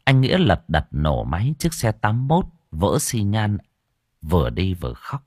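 A man narrating an audio story with expressive storytelling on a close mic. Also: lowish voice, a little slow, husky, no room sound.

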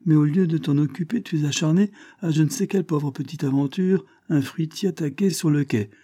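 A man's voice: a little high, brisk, pitched above the performer's own voice, close to an everyday voice. A man doing Michel, an earnest worried friend. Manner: pleading, solemn, excitable.

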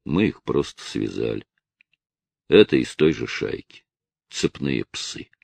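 A man's voice: very deep voice, expressive, takes it slowly, vocal fry, darkish tone, dry recording, voice pushed down, exaggerated voice. A man voicing an angry, defiant young male vigilante who argues in a heated, raised voice.

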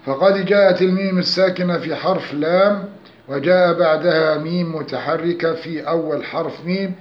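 Man teaching tajweed in an echoey room. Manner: measured, slows to recite examples with nasal humming. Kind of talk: scripted lesson reading. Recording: echoey dull low-fi room recording.

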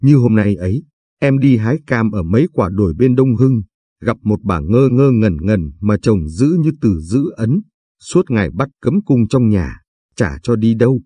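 A gossipy working woman picking oranges, read aloud by a man. The voice sits low and mellow with a husky grain. It is recorded dry and close, like a storybook narration. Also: animated, moderate pace, no room sound. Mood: chatty. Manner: gossipy, talkative. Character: chatty middle-aged woman orange picker.

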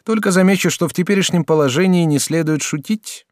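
A male audiobook reader voicing a courteous, talkative young student in his early twenties who speaks with a raised, excitable voice. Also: sits high, a little fast, no echo, studio quality, pitched above the performer's own voice, lightly acted. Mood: eager. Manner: bright, animated, polite and excitable. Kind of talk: audiobook character reading.

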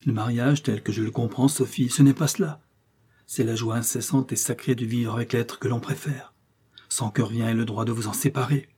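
A man voicing an earnest, sorrowful young man in a classic novel read aloud, speaking in a grave and measured way. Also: mid-range voice, fairly even intonation, dark tone, breathy edge, close to an everyday voice. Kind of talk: audiobook character reading.

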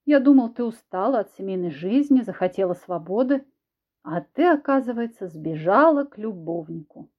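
A smug, cruel husband, as a woman reader puts him on, who talks low and drawn-out with a creeping, insinuating menace and sometimes sinks to a whisper. The recording sounds dull and lo-fi. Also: lively intonation, lightly acted. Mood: menacing.

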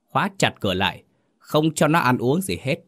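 A man's voice: medium pitch, big pitch swings, moderate pace, dry recording, clean studio sound, voice pushed up. A man voicing a furious, humiliated old father who hurls insults and orders at his household. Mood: raging. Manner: raging, shouting insults. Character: furious older father, proud and violent.

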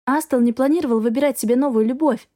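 A woman's voice: high-pitched, fast, dark tone. A woman narrating a fantasy novel in the first person, reading expressively. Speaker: audiobook narrator.

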